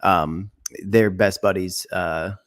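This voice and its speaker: A man with a fairly low voice chats on a live podcast, laughing often as he tells stories about his kids. The recording is dry and close, with little room sound. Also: steady tone, slow pace, no room sound. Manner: laughs often while telling family stories. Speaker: podcast co-host. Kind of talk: casual live podcast chat.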